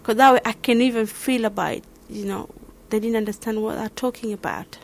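A woman from Somalia with a Somali accent, answering interview questions in halting, searching English. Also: on the high side, vocal fry, a little hiss or hum. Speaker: learner interviewee.

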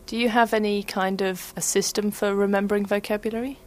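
A woman's voice: mid-range voice, level tone, fairly quick. A woman presenter, interviewing patiently and rephrasing her questions.

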